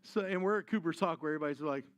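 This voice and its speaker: An older man preaching a sermon, telling a family story with animated voiced asides. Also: a little high, very fast. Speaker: pastor.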